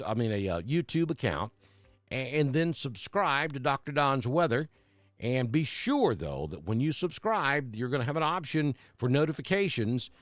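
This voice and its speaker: This Alabama weather broadcaster, middle-aged, has a medium-pitched voice with no echo. On his live stream he chats in a relaxed way and says hello to viewers by name.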